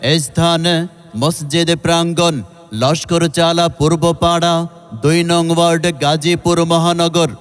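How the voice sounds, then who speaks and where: A man's voice: fairly high pitch, monotone, a little slow, clear, resonant tone. A Bangladeshi man reading a scripted promotional announcement for a religious gathering in a formal, emphatic, declamatory way, repeating key phrases. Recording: long reverb, music behind.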